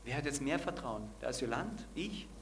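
A man's voice: medium pitch, expressive, moderate pace, a little hiss or hum. A man preaching a sermon and asking the congregation direct questions.

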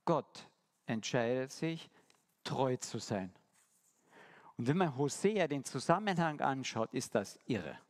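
A man preaching a sermon, shifting between quick asides and slow, emphatic lines and putting rhetorical questions to the congregation. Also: medium pitch, sing-song.

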